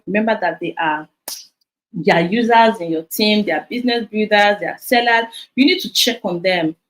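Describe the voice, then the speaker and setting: Energetic Nigerian woman coaching her team. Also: mid-range voice, low-quality recording. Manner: animated, repeats key points, drops in Pidgin. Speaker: business coach. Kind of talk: motivational talk to her sales team. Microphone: phone.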